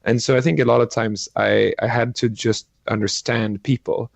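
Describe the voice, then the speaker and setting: A middle-aged man from Sweden, a guest entrepreneur talking in a casual interview, halting and restarting often with many fillers. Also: mid-range voice, steady tone, gravelly, no room sound.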